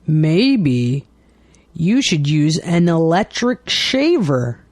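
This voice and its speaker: A woman reading everyday dialogues aloud for English learners with clear, deliberate enunciation. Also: deep voice, sing-song, a little mellow, no echo, studio quality. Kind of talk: slow scripted dialogue reading.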